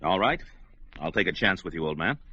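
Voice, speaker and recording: Conan, a gruff barbarian warrior. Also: male voice, sits low, lively intonation, brisk. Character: brash barbarian warrior hero, blunt and fearless. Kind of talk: old-time radio drama acting. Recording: dull old radio recording with music score.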